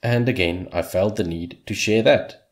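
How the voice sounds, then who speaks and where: With measured pacing and dry humor, a fairly low-voiced man who grew up speaking Afrikaans narrates a scripted review of his year making games as a hobby.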